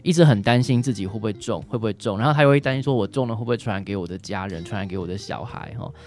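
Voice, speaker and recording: Rapid-fire and lowish, with a darkish tone, a man with a Taiwanese accent explains conversationally as a doctor answering questions on the radio. He often finishes phrases with short tag particles.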